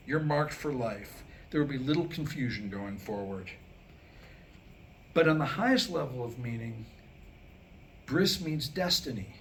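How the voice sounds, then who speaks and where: A man gives a live reading of his own humorous script to a small audience, taking a wry, mock-scholarly approach and posing rhetorical questions. His voice is a little high with a fairly bright tone, and some hiss or hum can be heard.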